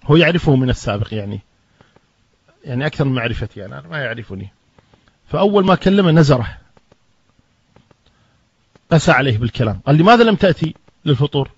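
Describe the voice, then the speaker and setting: A man's voice: mid-range voice, lively intonation, quick pace, pauses often, slightly rough. A man, an Islamic preacher from Kuwait, recounting an anecdote and acting out the dialogue with rising emphasis. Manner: recounts events plainly, acts out quoted dialogue with rising emphasis. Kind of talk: storytelling anecdote in a talk. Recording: dull lo-fi recording.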